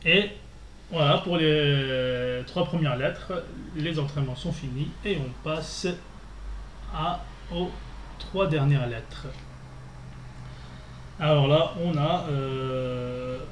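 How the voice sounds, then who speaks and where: A man teaching a beginner lesson, patiently drilling syllables and pausing often with fillers. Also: on the high side. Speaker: Arabic teacher. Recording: echoey room with faint noise.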